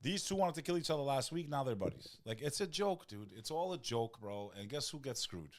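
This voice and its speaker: A middle-aged man co-hosting a live stream, chatting and joking in an animated way. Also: medium pitch, fairly quick. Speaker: co-host. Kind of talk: casual live-stream chat.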